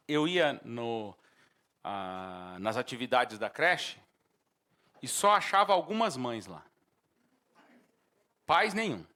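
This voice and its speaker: Animated outbursts and theatrical shouts punctuate this sermon from a male pastor with a Brazilian Portuguese accent. His voice runs on the high side.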